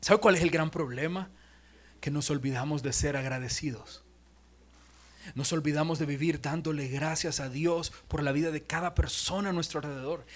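A young man preaching a sermon as pastor, animated, acting out voices and dropping to near-whispers. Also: a little high, moderate pace.

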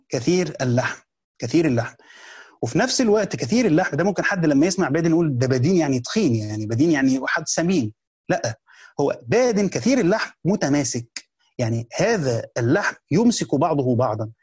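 A man with an Egyptian accent teaches in a quick, somewhat husky voice, pitched a little high for a man. He walks through a classical text in casual spoken Arabic, repeating key phrases and restarting words as he explains. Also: very animated, a little mellow. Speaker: teacher of a hadith book. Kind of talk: colloquial lesson commentary.

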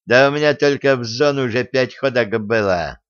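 A man acting out a bullying teen hoodlum in a spoken storybook, slow drawling menace, full of swagger, with a smooth, clear voice. The recording is slightly muffled and lo-fi. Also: medium pitch, lightly acted. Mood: boastful. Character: swaggering teen thug, bully boasting of prison.

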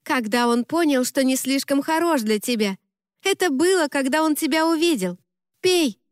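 A woman voicing a lively, bossy young woman who teases her friends in an audiobook. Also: high-pitched, moderate pace, no room sound, studio quality, voice pushed up. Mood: playful. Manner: exclaiming, brash, mock-scolding.

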